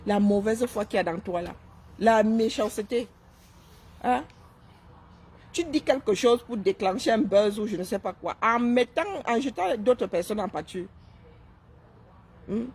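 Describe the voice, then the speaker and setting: A woman's voice: mid-range voice, moderate pace, long pauses, a little mellow, husky. A woman doing live-stream commentary while seated, mocking and sarcastic, often tossing in "hein?". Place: seated indoors.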